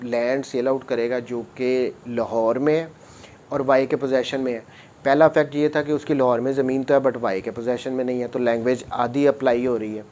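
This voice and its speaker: Alternating between Urdu and English, a Pakistani-accented man explains law in a lecture, reading out statutes and going back over points methodically. He talks at a normal speed in a mid-range, level, slightly mellow voice, with a little hiss or hum in the audio.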